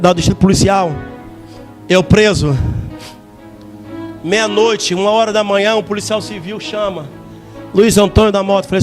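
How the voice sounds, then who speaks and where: High-voiced Brazilian man giving fervent testimony. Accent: Brazilian Portuguese. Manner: fervent, preacherly, stretches words and shouts at peaks. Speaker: testimony speaker in church. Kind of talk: emotional church testimony. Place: church service.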